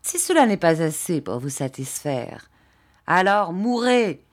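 A woman reading an audiobook, voicing a spiteful young woman full of hatred, who speaks slowly and cuttingly. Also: lowish voice, big pitch swings. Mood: contemptuous. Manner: slow, hard, cutting delivery.

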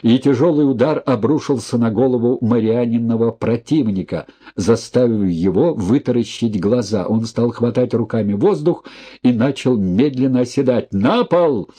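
A man reading a thriller novel aloud as an audiobook narrator in a steady, even storytelling manner. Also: mid-range voice, normal speed, breathy edge. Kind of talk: scripted narration.

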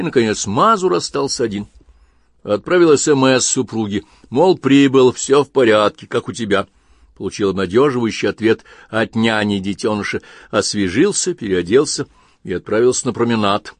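A man narrating an audiobook in an even, wry storytelling manner. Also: medium pitch, no room sound.

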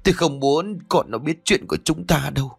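A man's voice: on the high side, expressive, fairly quick, vocal fry, husky, soft background music, pitched above the performer's own voice, exaggerated voice. A man voicing a distraught middle-aged mother who reproaches her daughter in a wailing tone. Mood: tearful reproach. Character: grieving scolding middle-aged village mother.

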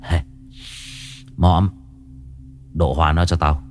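A man's voice: a bass voice, level tone, slow pace, darkish tone, soft background music, pitched below the performer's own voice. A man voicing a cool, fearless young man who speaks in curt, offhand lines.

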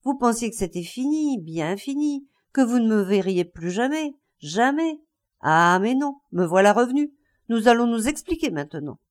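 A woman performs the part of an embittered, furious older man, a husband betrayed in a story, and her voice sits above her natural pitch, a little high and highly animated at a normal pace. His outbursts come out breathless and insistent, with a bitter, menacing mood.

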